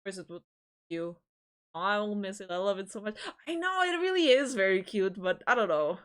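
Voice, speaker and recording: A woman's voice: mid-range voice, very animated, brisk, clear, resonant tone. A woman hosting a livestream, chatting casually with viewers in a giggly, rambling way, often restarting her sentences. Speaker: livestream host.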